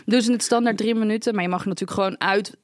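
A woman co-hosting a podcast in casual conversation, telling things in an animated way and acting out little quotes. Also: mid-range voice, rapid-fire, no room sound, studio quality. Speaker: podcast co-host.

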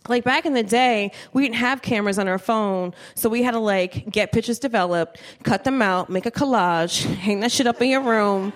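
A woman in her thirties doing stand-up on a club stage into a handheld mic, telling a story, profane and animated, talking to the crowd. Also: on the high side, normal speed, hardly any pauses. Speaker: stand-up comedian. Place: comedy club stage with live audience. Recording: live show with faint room noise.

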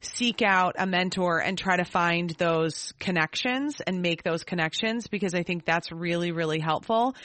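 A woman's voice: fairly low pitch, normal speed, hardly any pauses, a bit bright, no echo. A woman in her forties co-hosting a podcast, chatty and self-deprecating in a casual chat. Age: 40s. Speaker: podcast co-host.

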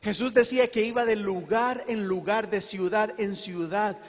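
A man preaching a sermon to his congregation, earnest and emphatic, with slow dramatic pauses. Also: sits high, steady tone, long reverb tail. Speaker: pastor.

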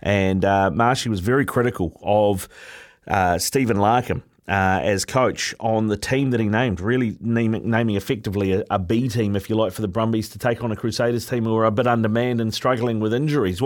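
A man's voice: fairly low pitch, fairly quick. A man hosting a casual live sports interview. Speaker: sports show host.

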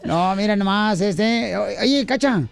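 A man's voice: sits high, unhurried, creaky, a crowd in the background. A man hosting morning radio, flirting and joking with guests. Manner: flirty and teasing with listeners. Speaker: radio host.

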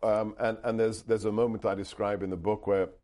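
Warm-toned and on the low side, a middle-aged Hungarian speaker raised in the UK speaks a little fast with flat delivery. As an author and guest, he earnestly and emphatically tells a story in interview answers, frequently restarting.

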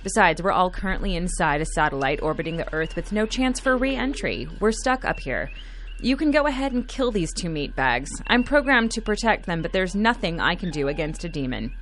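Sarcastic AI computer played by a woman, scolding, blunt, lively intonation, audio comedy drama. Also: on the low side, fairly quick, a little hiss or hum. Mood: dismissive. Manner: snarky, exasperated, blunt. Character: sarcastic, scolding female space station computer AI.

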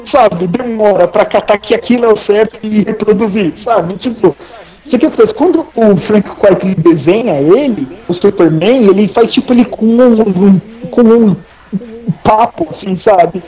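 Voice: medium pitch, expressive, normal speed, warm tone. A Brazilian co-host with São Paulo slang, explaining comics in casual chat, full of fillers like "tipo" and "sabe". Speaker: podcast co-host.

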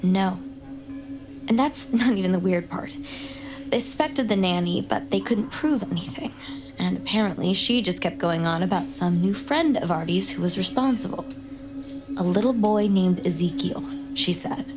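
Over music, a woman with a medium-pitched voice and lively intonation talks at a moderate pace, sounding close to her everyday voice. She performs a driven, inquisitive young crime survivor in a naturalistic audio drama, laying out the facts with urgent, intent stress.

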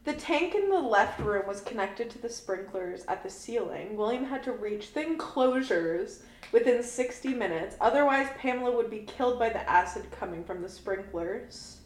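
A woman co-hosting a podcast, giving animated, laughing commentary on a movie in casual chat. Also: a little high, moderate pace. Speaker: podcast co-host. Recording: roomy room sound.

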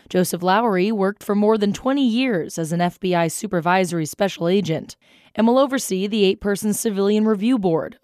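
A woman's voice: medium pitch, a little mellow, no room sound, clean studio sound. A woman anchoring a radio newscast, reading scripted local news items.

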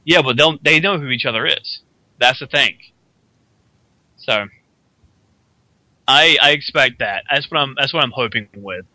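A man with a medium-pitched, sharp-toned voice, recorded dry, co-hosts a radio talk show as a podcast co-host. In casual chat he offers opinionated, speculative predictions and slips into quick character voices.

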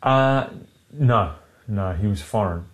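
Deep-voiced sardonic man. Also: slow pace. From Britain. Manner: sardonic, swears freely. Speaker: podcast co-host. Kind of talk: casual chat.

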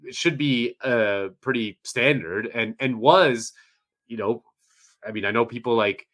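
A man's voice: mid-range voice, unhurried, a bit bright. A man co-hosting a podcast, rambling reflectively with lots of fillers. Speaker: podcast co-host. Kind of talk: casual chat.

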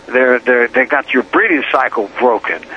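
A man's voice: medium pitch, normal speed, vocal fry. An older man calling in on a prison payphone line, rambling, chanting words over and over and laughing as he talks. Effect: heard over a prison payphone line. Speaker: prison inmate caller. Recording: muffled phone line, faint hiss.

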